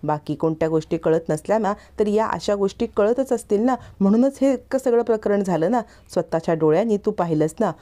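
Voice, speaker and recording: A woman voicing a sharp-tongued, scheming young woman who talks in a needling, insistent way. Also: mid-range voice, lively intonation, fairly quick, hardly any pauses, pitched above the performer's own voice, close to an everyday voice.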